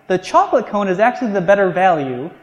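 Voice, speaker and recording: A male pastor preaches a sermon, moving from relaxed storytelling to slow, heavy stress on key words, with large pitch swings in a slightly high voice. The lo-fi recording carries the long reverb of a big, echoey church sanctuary, along with crowd noise.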